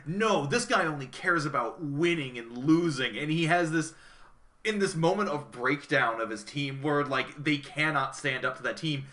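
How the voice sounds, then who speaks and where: A man co-hosting a podcast, talking in a casual, animated and incredulous way while reviewing an anime. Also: on the high side, moderate pace. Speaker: podcast co-host.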